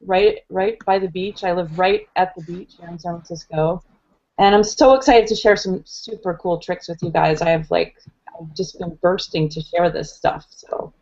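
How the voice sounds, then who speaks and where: A woman with a hoarse voice, a panel guest talking in a breezy, laid-back, playful way. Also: fairly low pitch, normal speed, a little mellow, dull audio. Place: home studio. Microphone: video call.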